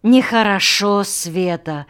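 Patient male schoolteacher, read by a woman, gently reproachful, coaxing, unhurried, smooth clear voice, audiobook. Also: medium pitch, close to an everyday voice. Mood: gently chiding. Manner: mildly chiding, coaxing questions. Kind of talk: audiobook character voice.

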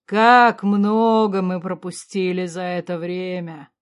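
Brief: aging king father, remorseful and stern, slow loud muttering, voiced by a woman narrator. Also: on the low side, flat delivery, smooth. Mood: remorseful, muddled.

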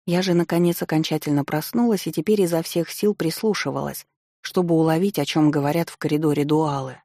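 A woman's voice: deep voice, fairly even intonation, fairly quick, mellow, no room sound, clean studio sound. Wry woman reading an audiobook. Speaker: audiobook narrator. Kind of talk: first-person audiobook narration.

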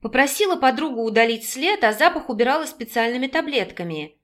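A woman voicing a caring older sister who speaks gently and modestly. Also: sits high, sing-song, fairly quick. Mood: warm teasing.

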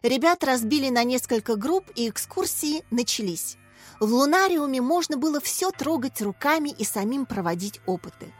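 A woman reading a children's storybook aloud in calm, expressive narration. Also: sits high, normal speed, soft background music. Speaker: audiobook narrator.

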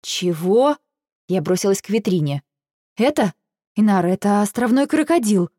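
Mellow-voiced woman narrating an audiobook. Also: medium pitch, lively intonation, moderate pace, no room sound, clean studio sound. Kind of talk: first-person audiobook narration.

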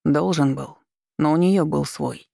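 A reader voicing a teasing, domineering male demon who speaks low and drawn-out. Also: gravelly, warm tone, no echo, studio quality. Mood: dry.

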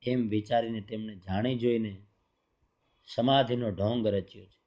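A man narrating a sacred text in a steady, even reading voice. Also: on the low side, normal speed, dull audio. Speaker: scripture reader.

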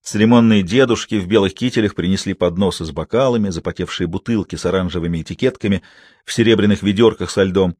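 A man narrating an audiobook in an even, measured storytelling manner, close to the mic. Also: deep voice, no echo. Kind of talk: scripted narration.

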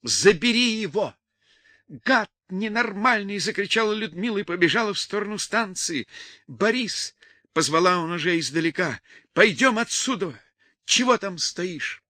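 A man voicing a young village woman, a mother who wails and laments in a shrill voice, in an audiobook reading. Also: lively intonation, brisk, bright, forceful tone, dry recording, clean studio sound. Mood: screaming.

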